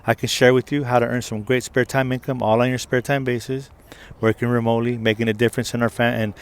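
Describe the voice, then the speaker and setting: A man telling a story in a casual monologue. He is animated, acts out the dialogue himself and keeps saying "right?". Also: medium pitch, smooth. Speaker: motivational vlogger. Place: outdoors in the city. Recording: outdoor recording.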